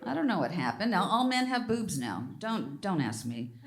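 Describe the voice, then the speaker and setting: An older woman doing a bawdy stand-up comedy set on a theater stage, brash with loud squealing outbursts. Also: lowish voice, very animated, normal speed, noisy background. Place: theater stage before a live audience.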